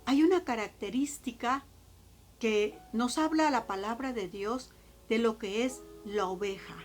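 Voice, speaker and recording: Slow, emphatic Mexican woman preacher. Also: fairly high pitch. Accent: Mexican Spanish. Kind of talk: sermon.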